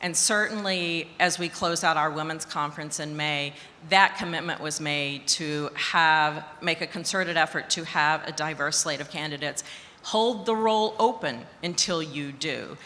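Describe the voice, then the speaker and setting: A woman executive on a conference panel, speaking in a measured way and listing her points in order. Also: low voice, pushed and bright. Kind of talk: panel discussion. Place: conference hall stage. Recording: long reverb of a conference hall.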